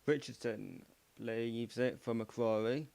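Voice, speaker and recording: A man giving casual live play-by-play as a fan streamer, slightly croaky, cheering his side and scolding chat. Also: mid-range voice, steady tone, takes it slowly, darkish tone. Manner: partisan, addresses chat as "mate" and "pal", urges his team on. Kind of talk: casual live match commentary.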